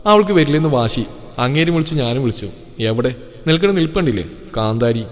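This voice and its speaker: A kindly elder-sister woman, put on by a male storyteller, chatty and motherly, chiding in a soft, slightly raised voice. The storybook reading carries a long reverb and soft music underneath. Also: on the high side, animated, a little fast, voice pushed up, natural voice.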